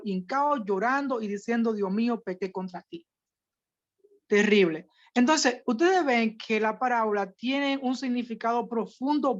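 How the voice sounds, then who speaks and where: A woman teaching a Bible study in a casual, animated way, often checking that her listeners understand. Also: a little high, lo-fi sound.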